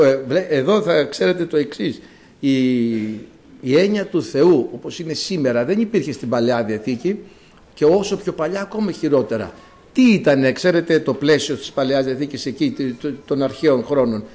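Lively preaching man, animated pitch. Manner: lively preaching with dramatic rises and drawn-out words. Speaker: priest. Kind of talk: sermon.

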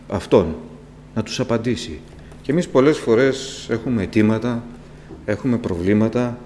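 A man preaching a sermon to his congregation, impassioned, with sudden rises in pitch and volume, asking rhetorical questions and speaking to them directly. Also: darkish tone. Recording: long reverb with faint electrical hum.

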